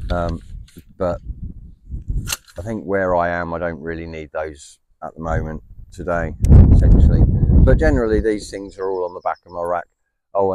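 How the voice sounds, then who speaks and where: A man's voice: sits low, a little mellow. Rambling man vlogging outdoors. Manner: rambling, many ums and essentially. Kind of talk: casual outdoor vlog narration. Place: outdoors in the countryside. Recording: outdoor recording with clear background noise.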